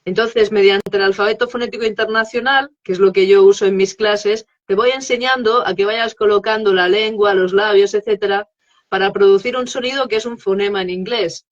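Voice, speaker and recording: A woman's voice: medium pitch, fairly even intonation, brisk, lo-fi sound. A woman, a guest expert on English teaching, explaining her method in a live interview and checking in often with tag questions.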